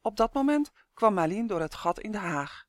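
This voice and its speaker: A woman reading a children's storybook aloud with expressive, lively storytelling. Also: medium pitch, moderate pace, dry recording, clean studio sound. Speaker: narrator.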